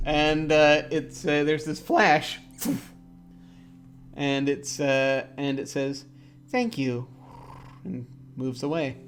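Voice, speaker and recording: A man running a tabletop game as game master, describing scenes with frequent pauses and restarts. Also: a little high, completely flat delivery, faint music behind. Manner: hesitant, many fillers and restarts.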